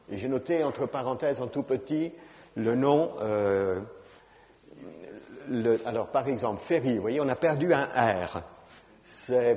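A man's voice: medium pitch, darkish tone. Man lecturing in an echoing hall. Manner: conversational, frequent "hein" and fillers. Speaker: lecturer on genealogy. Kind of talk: informal lecture with slides.

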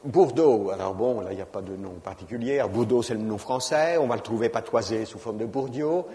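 A man's voice: fairly low pitch, brisk, dark tone. Man lecturing in an echoing hall. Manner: conversational, frequent "hein" and fillers. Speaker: lecturer on genealogy. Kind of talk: informal lecture with slides.

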